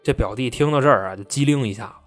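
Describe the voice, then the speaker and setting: A man's voice: medium pitch, fast, fairly bright tone, soft background music. A man casually telling a true-crime story in a chatty, colloquial way.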